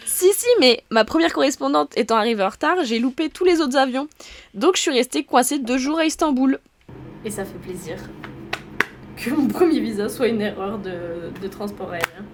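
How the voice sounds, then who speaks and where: A young woman from France talks in a chatty, slangy, upbeat way for her travel vlog. Her voice sits a little high for a woman. She records on a handheld phone in a hotel room. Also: expressive, normal speed, background noise. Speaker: travel vlogger.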